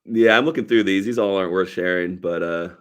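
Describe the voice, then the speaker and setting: A low-pitched man talks through a film on a podcast in a loose, easygoing way. He reads lines from the movie aloud and breaks into laughter between thoughts. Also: brisk, clear, resonant tone. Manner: relaxed, laughs often, reads quotes aloud. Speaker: podcast co-host. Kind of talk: casual film discussion.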